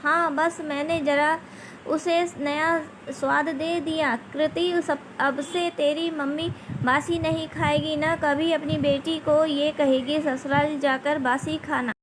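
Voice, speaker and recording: Brief: woman reading as a patient middle-aged mother, quietly firm, deliberate stress, high and slow. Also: a little hiss or hum, poor audio. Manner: calm, stressing each word.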